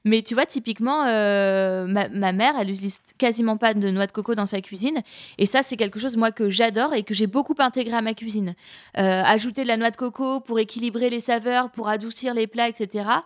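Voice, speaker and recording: A woman who cooks Indian food for a living, chatting in an interview and pausing often as she thinks aloud. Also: on the high side, no room sound, clean studio sound. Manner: hesitant, thoughtful, many pauses and restarts. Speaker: chef of Indian cuisine. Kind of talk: casual interview conversation.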